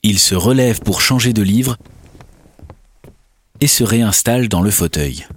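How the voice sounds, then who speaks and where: A man's voice: on the low side, unhurried, husky. A man narrating a scripted children's bedtime story.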